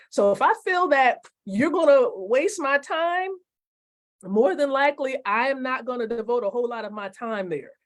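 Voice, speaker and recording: A network marketing coach in her forties delivers a motivational lesson over a live stream. Her voice is slightly high, she repeats important phrases slowly for emphasis, and she asks her viewers question after question.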